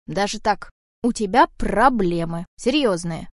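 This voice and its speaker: A woman doing a gruff, rude talking cat. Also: medium pitch, animated, measured pace, no room sound, studio quality. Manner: loud, bossy, scolding. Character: old male house cat, gruff, rude protector. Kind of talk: audiobook character voice.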